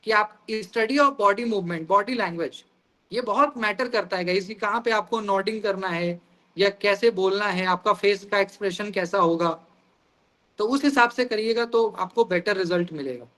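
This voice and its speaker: A man's voice: high-pitched, normal speed, fairly bright tone. A man teaching an online exam-prep class over a video call, explaining terms through everyday examples and often calling the students "guys".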